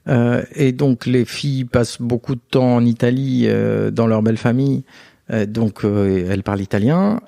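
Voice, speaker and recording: A man's voice: mid-range voice, moderate pace, vocal fry, no echo, studio quality. A man, a guest and father, telling family stories in a casual interview, acting out the voices of the people he quotes. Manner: animated anecdotes, acts out quoted voices.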